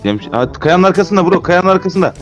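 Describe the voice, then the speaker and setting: A man's voice: high-pitched, sing-song, normal speed, muffled recording, faint music behind. A man on a headset calling out positions and instructions to his teammates during a game. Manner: directing teammates, insistent. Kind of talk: casual gaming chat with friends.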